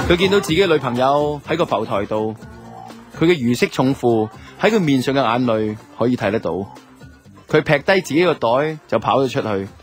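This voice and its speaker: Music runs beneath this radio drama narration, in which a Hong Kong Cantonese-accented man voices an easygoing young man musing casually about his romances. He keeps his medium-pitched delivery lightly acted.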